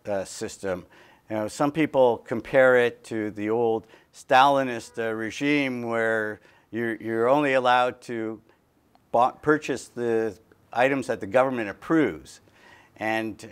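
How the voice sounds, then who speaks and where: A man's voice: on the low side, clear, resonant tone. A middle-aged man hosting a studio interview, asking long, detailed questions and gesturing with both hands. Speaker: talk show host. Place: small TV studio with dark curtains. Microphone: lapel mic.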